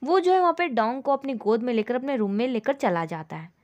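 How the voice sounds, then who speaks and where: A woman narrating a drama plot as a storyteller, retelling scene after scene in a steady flow. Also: fairly high pitch, brisk, lo-fi sound. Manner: steady retelling, leans on the filler "जो है".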